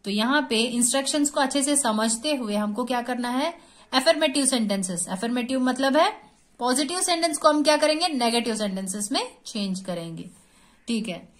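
Higher-voiced Indian English woman teacher. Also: animated. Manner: mixes Hindi with read-out English, repeats each word slowly. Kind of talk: explaining a textbook lesson to children.

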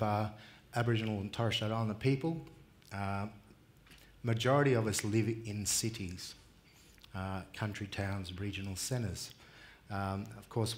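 A middle-aged Australian man gives a relaxed conference talk in a large indoor hall, using a headset mic. His voice sits fairly low, and he's unhurried and plain-spoken, with plenty of fillers.

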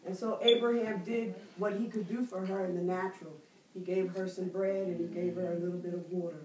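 A woman's voice: lowish voice, level tone, dark tone, recorded from a distance. Middle-aged woman preaching, echoey room. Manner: call-and-response preaching with drawn-out emphasis. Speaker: Bible study teacher. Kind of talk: preaching Bible study. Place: church library room with bookshelves. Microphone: far camera, no mic.

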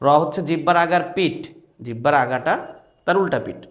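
A man's voice: fairly high pitch, fairly quick, echoey room. A man teaching Quranic letter pronunciation in Bengali, repeating each letter and quizzing his viewers on it. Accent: Bangladeshi Bengali. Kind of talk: Quran recitation lesson.

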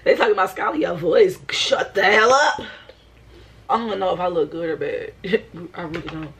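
A woman's voice: lowish voice, normal speed, a little hiss or hum. A young woman vlogging to the camera while she does her makeup. She talks bluntly in slang, swears freely and laughs between lines. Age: young adult. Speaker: college vlogger. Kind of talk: casual vlog talk to camera. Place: indoors at home, doing makeup.

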